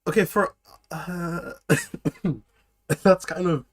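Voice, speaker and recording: Sick with a cold, a man chats loosely with viewers on a live stream, greeting them and breaking off between phrases to laugh and cough. His voice is high and husky, and he speaks very slowly.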